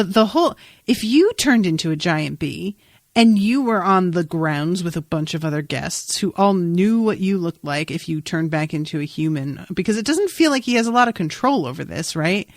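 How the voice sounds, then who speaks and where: Recorded in clean studio sound with no room sound, a woman of medium pitch co-hosts a casual podcast recapping TV episodes. Her style is slangy, sarcastic, and informal, with casual swearing and an incredulous, exasperated tone.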